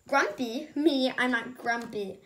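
Picture a stubborn, sulky male monkey from a children's storybook, grumbling denials as a woman puts him on. His voice is bright and sits fairly high. He sounds glum and heavy. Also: slow pace. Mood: indignant. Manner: insistent denials, sighing. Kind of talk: storybook reading.

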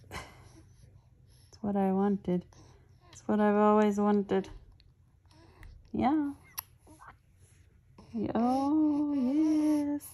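A young mother coos baby talk to her infant, her voice slightly high and airy with breath. She speaks unhurriedly and often slips into a soft whisper. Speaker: new mother.

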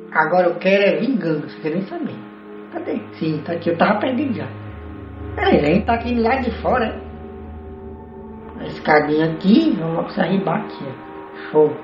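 A man hosting a horror game let's play, excitable and exclamatory, talking himself through each move. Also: high voice, roomy sound, highs cut off. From Brazil. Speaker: gaming channel host.

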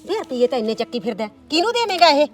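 A woman's voice: sits high, sing-song, very fast. A woman playing a scheming middle-aged village aunt who nags, coaxes and stirs up trouble. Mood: wheedling. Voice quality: loud, nagging, coaxing. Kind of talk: village drama acting.

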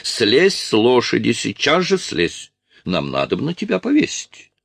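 A man voicing a drunk, blustering Polish nobleman who shouts indignantly. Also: mid-range voice, huge pitch swings, a little slow, vocal fry, husky, dry recording, pitched above the performer's own voice, full character voice. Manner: loud, indignant, bellowing.

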